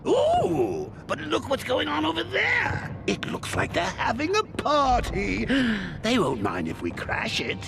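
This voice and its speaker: A man voicing a manic, menacing clown supervillain in a video game, theatrical and gravelly with drawn-out, swooping delivery. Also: extremely high pitch, wildly swooping pitch, background noise, full character voice. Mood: manic glee. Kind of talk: animated video game acting.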